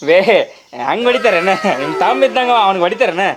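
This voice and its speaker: Quick high-voiced North Karnataka village man. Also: lively intonation, noisy background. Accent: North Karnataka Kannada. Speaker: tenant in a village comedy. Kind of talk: village comedy acting.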